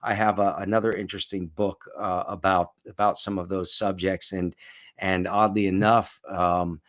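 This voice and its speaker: A man with a very low voice reads aloud and comments as the host of a stream. He rambles, restarts his sentences and fills the pauses with ums and uhs. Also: level tone, a bit bright. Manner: rambling, hesitant, many fillers. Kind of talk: casual reading and commentary.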